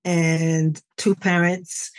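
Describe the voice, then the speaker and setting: Storytelling New woman, lowish voice. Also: drawn-out words. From New York, USA. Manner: relaxed storytelling with frequent "like" and "you know". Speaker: podcast guest. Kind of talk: conversational interview.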